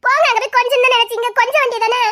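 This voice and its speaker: A woman acting a teary, sharp-tongued young woman in a comic romance drama, scolding and sulking in a Tamil accent. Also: very high-pitched, fairly even intonation, very fast. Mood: sulky. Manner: scolding, sulky, flaring into threats.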